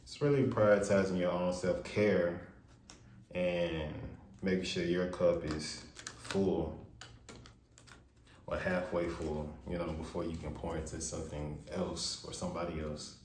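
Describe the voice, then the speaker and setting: A man giving a casual spiritual tarot reading in a loose, rambling way with a naturally monotone voice, his words washed in heavy room reverb. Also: sits low, measured pace. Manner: loose, rambling, with many fillers. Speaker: tarot reader. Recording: echoey untreated room, faint noise.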